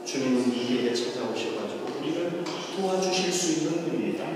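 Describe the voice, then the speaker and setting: An emphatic male pastor who keeps asking the congregation questions as he preaches. His voice is high for a man. A long reverb fills the church hall, and the mic sits far from him. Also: expressive, brisk, very noisy. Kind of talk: sermon.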